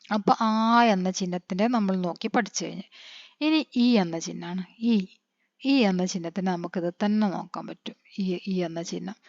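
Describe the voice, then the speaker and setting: A woman, teaching a patient lesson and spelling letters out slowly, quizzing her pupils as she goes. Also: fairly low pitch, a little mellow, no room sound. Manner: patient, asks the children questions and answers them. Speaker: Hindi teacher. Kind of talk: classroom-style lesson. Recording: dry, dull lo-fi recording.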